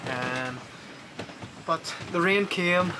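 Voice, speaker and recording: A Northern Irish sailing vlogger with a high-pitched voice and drawn-out words chats casually to a handheld action camera held close while sailing a small boat, both on deck and in the cabin. His on-board narration is relaxed, informal and chatty, full of easy fillers. Wind and water noise fill the windy outdoor audio.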